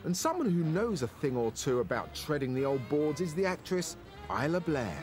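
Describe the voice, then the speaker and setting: Lively, playful male food show presenter. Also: fairly high pitch, normal speed, music in the background. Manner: playful, theatrical delivery. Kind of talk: TV presenting and voice-over narration.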